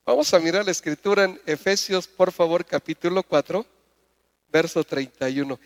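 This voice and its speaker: A man with a high voice preaching to a congregation, his words ringing through a reverberant church hall. He keeps asking the crowd questions and pushes his voice up in pitch and volume to drive each point home. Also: moderate pace. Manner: preaching with call-and-response questions, climbing loud and high. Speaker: pastor. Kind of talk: sermon.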